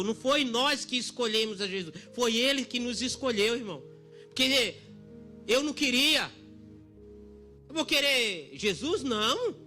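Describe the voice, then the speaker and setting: A middle-aged man preaching a sermon at a church service, emphatic, dropping very soft for quoted lines. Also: very high-pitched. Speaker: pastor.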